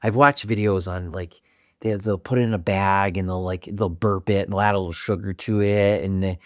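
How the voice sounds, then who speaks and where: A man with a fairly low voice co-hosts a laid-back chat podcast. He rambles and restarts his sentences and swears casually as he talks things over. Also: steady tone, normal speed, no echo, studio quality. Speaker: podcast co-host.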